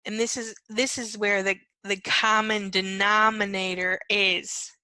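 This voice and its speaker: A woman's voice: mid-range voice, level tone, a little slow, pushed and bright, clean tone, no echo. A woman speaking as a spiritual coach, teaching in a conversational way and often checking in with "right?" and "okay?". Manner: soothing, repetitive chanting of phrases, fading to a whisper. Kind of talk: guided clearing meditation and teaching talk.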